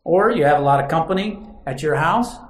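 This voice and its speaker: Guy preaching, high-ish voice, dramatic storyteller, echoey room. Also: expressive, brisk. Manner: dramatic storytelling, acting out quoted lines. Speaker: pastor. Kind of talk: sermon. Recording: roomy echo.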